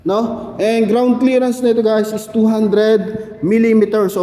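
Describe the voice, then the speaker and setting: A chatty car salesman with a high, mellow voice talks viewers through a vehicle in a showroom. His words ring out with a long reverb off the hard walls, and he keeps tagging his sentences with little questioning asides.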